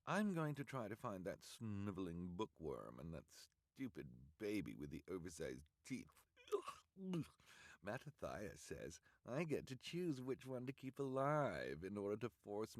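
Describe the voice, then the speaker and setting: Guy putting on a greedy villain lady, gloating and haughty, pitched up a bit, storybook baddie. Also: dry recording, clean studio sound. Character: scheming villainous woman, greedy and bloodthirsty.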